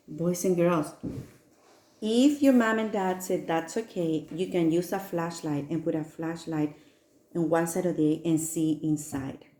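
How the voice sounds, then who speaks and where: With a mellow, fairly low voice, a woman takes young kids step by step through a science demonstration. Her manner is upbeat and sing-song, like a children's presenter, and the room is echoey.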